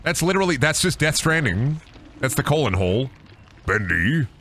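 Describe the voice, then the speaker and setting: Animated, crude-joking man streaming a game. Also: mid-range voice, moderate pace, slight background noise. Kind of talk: comedic let's-play commentary.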